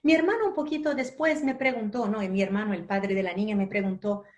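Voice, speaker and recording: A Brazilian woman gives a spiritual lecture in a mid-range voice, telling a personal story. She speaks gently and without hurry, adding soft asides.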